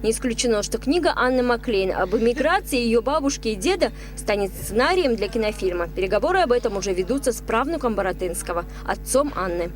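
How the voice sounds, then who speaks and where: A woman's voice: a little high, expressive, fast, hardly any pauses. A woman reading a scripted television news report as a reporter's voice-over.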